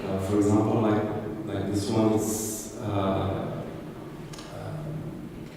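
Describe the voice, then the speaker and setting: A man from Algeria giving a halting, hesitant talk about his art in a gallery, with frequent pauses and restarts. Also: lowish voice, flat delivery, gravelly. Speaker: visual artist presenting his work. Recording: echoey hall, distant mic, ambient noise.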